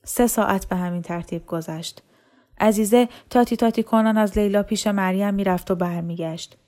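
A woman storyteller reading a novel aloud in a steady, measured way. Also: medium pitch. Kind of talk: scripted narration of a novel.

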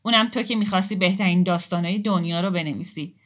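A woman's voice: on the low side, a bit bright. A woman voicing a drunk, bitter man who speaks in an agitated, confrontational way in an audiobook story reading.

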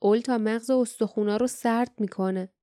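A woman reading the part of a calm, serious young man in an audiobook, speaking slowly and earnestly. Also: a little high, no room sound, studio quality, lightly acted.

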